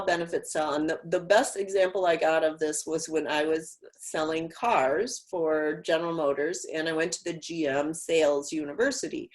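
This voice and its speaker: A woman giving a marketing webinar over a video call, talking in a lively conversational way with many rhetorical questions. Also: on the low side. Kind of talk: webinar talk.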